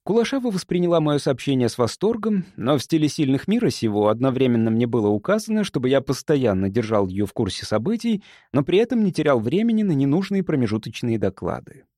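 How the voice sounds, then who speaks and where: A man reading a first-person audiobook in an expressive, dramatic way. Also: mid-range voice, quick pace, few pauses, no echo. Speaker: audiobook narrator.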